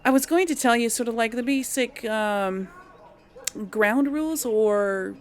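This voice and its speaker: A woman with a fairly high-pitched voice, speaking a little slowly, hosts a game playthrough series. Her commentary is casual and chatty as she talks to her audience and reasons aloud.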